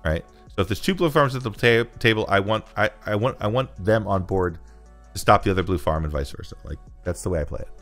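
A man in his thirties, a podcast co-host on a video call from home, explaining strategy in a measured way and swearing casually. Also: fairly low pitch, fairly bright tone, faint music behind. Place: home room.

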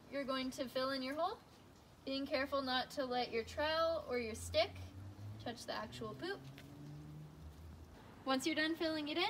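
A young woman who teaches outdoor skills talks through a scripted how-to lesson in a backyard, her fairly high voice upbeat and playfully deadpan. A camera mic captures her, with a faint outdoor hush and slight background noise behind.

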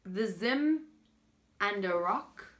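A woman's voice: medium pitch, animated, drawn-out words, fairly bright tone. A woman from Africa, playfully sounding out band names in casual chat. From South Africa. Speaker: guest reading a festival lineup.

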